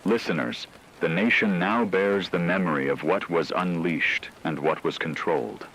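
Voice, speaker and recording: In a scripted radio drama, a man with a deep, slightly bright voice plays a solemn radio news host reporting supernatural terror. He narrates formally at a moderate pace, with a grave, ominous mood. The rough recording has a little hiss or hum.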